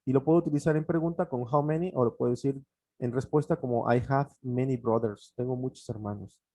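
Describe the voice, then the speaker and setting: Teaching English grammar online, this Spanish-speaking man breaks things down step by step, says his examples more than once, and frequently stops with filler words. His voice is mid-range and warm in tone.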